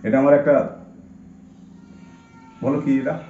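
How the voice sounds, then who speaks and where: A man's voice: medium pitch, steady tone, slow pace, distant mic, faint music behind. Middle-aged guy vlogging at home, earnest and rambly, echoey muffled sound. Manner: earnest, confiding, rambling with restarts. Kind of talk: casual vlog talk to viewers. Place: home, at a meal.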